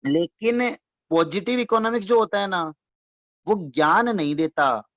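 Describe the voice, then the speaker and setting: A man's voice: high voice, expressive, unhurried, a bit bright. Man teaching, repeating and quizzing. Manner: explains by repetition, quizzes listeners with frequent check-in questions; addresses listeners fondly as students. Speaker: economics teacher. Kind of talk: classroom-style lecture. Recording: dull lo-fi dry recording.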